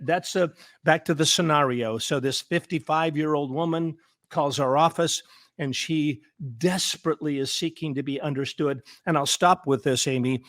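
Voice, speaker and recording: Earnest, emphatic man with a fairly high voice. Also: dry recording, studio quality. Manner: earnest and emphatic, repeats words for stress; frequent stammered restarts. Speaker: therapist guest. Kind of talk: conversational interview.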